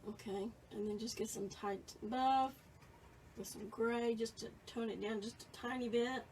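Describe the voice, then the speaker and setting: A woman's voice: a little high, fairly even intonation, moderate pace, a little mellow, distant mic, slight background noise, poor audio. A woman in her late fifties giving a casual, chatty painting lesson and reading viewer comments as she works. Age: 50s. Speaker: painting instructor. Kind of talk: live painting tutorial.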